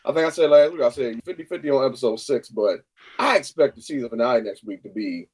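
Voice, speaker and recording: An excited man co-hosting a casual podcast chat. He talks in an animated way at a medium pitch and swears now and then. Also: fast, slightly rough, poor audio. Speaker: podcast co-host.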